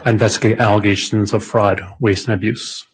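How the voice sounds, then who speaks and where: A man's voice: on the low side, flat delivery, brisk, husky. A man testifying as a witness, giving brief matter-of-fact answers, heard on a courtroom recording. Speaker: witness, federal special agent.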